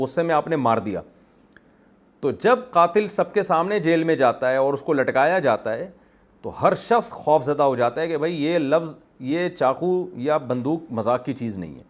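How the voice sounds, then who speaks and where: A man giving a religious lecture as an Islamic scholar, emphatic and argumentative, repeating phrases for stress. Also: fairly high pitch.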